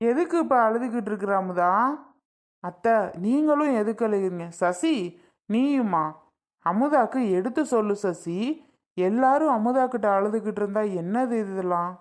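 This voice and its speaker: Lady doing a young village groom guy, middle pitch, earnest and promising. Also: animated, normal speed, a little mellow, close to an everyday voice. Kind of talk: cartoon voice acting.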